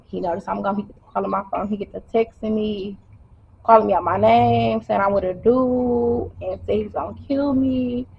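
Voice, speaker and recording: A woman's voice: medium pitch, fairly even intonation, moderate pace, vocal fry, slight background noise. A woman telling her own story to camera in a casual, emotional way, fighting back tears as she speaks. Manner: emotional, holding back tears, colloquial and direct. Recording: dull lo-fi sound.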